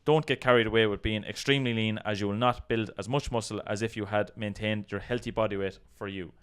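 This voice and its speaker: Fast-talking and fairly low-voiced, this Irish co-host of a video channel chats casually about an online controversy, sprinkling in hedging asides. His tone is steady, clean, and a bit bright.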